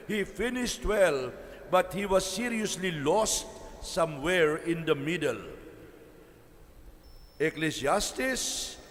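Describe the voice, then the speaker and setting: A male priest delivering a homily at a pulpit microphone in a church, slow and measured with dramatic pauses. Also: a little high, in a large hall.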